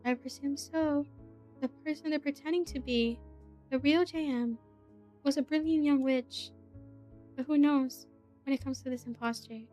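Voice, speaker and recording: A woman voicing a tall, composed female witch who speaks in a cool, measured, formal way. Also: high voice, faint music behind, natural voice. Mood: detached. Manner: calm, measured, formal phrasing.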